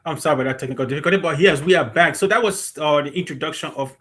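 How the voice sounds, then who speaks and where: A man's voice: on the high side, racing, background noise. A man hosting an interview, addressing his guest as a brother and restarting phrases. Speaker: host.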